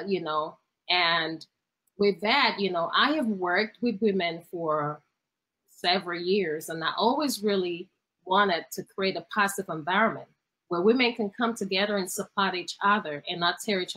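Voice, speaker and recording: A middle-aged Cameroonian woman, appearing as a guest in a television studio, answers an interview question conversationally. Her lowish voice moves at a moderate pace with a bright, forceful tone, and she speaks earnestly and motivationally, sometimes repeating words as she hunts for them. The recording quality is low.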